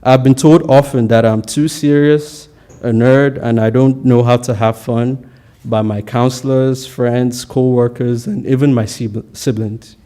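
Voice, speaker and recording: A man's voice: mid-range voice, steady tone, warm tone. Earnest young man giving a graduation speech. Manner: earnest, measured delivery with stumbles on words. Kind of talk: prepared commencement speech.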